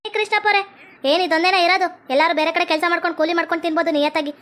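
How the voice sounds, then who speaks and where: A woman acting in an amateur family drama, talking loudly and pleading. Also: very high voice, steady tone, racing. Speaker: lead actress and channel host.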